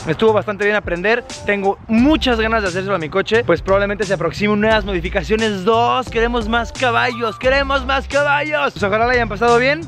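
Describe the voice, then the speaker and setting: A young Mexican man hosting a casual car vlog, excitable and swearing often with playful slang. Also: sits high, fast talker, hardly any pauses, soft background music. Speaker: vlogger host.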